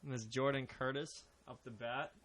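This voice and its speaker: Bright-voiced male baseball co-commentator. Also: mid-range voice, steady tone, moderate pace. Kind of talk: casual sports commentary.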